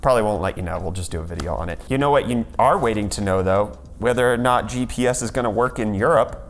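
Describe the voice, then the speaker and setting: A man's voice: lowish voice, quick pace, a little hiss or hum. Sarcastic man hosting tech news. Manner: sarcastic, jokey segues. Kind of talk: casual tech news rundown.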